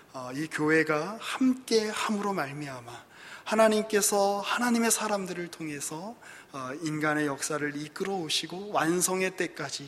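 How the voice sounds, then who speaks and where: A man's voice: fairly high pitch, a bit bright, long reverb tail, slight background noise. A man preaching a sermon as a pastor, asking the congregation rhetorical questions. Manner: rhetorical questions, voices a complaining believer.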